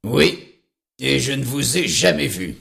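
A man playing a gravelly, suspicious doctor. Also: medium pitch, expressive, unhurried, fairly bright tone, exaggerated voice. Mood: puzzled. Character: irritable doctor, middle-aged man, suspicious. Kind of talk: audio drama acting.

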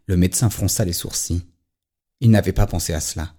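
Low, husky male narrator. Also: fairly quick, mellow. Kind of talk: scripted narration.

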